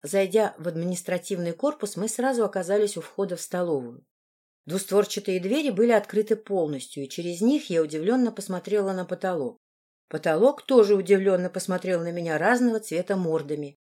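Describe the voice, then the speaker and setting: Audiobook narrator: woman, first-person storytelling, steady measured delivery. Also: fairly low pitch.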